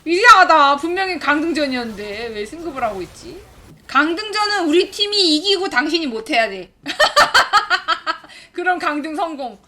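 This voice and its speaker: A woman in her forties streaming a game live, chattering with high energy, laughing often and shouting at her teammates. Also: animated, moderate pace. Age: 40s. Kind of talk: excited live gameplay commentary.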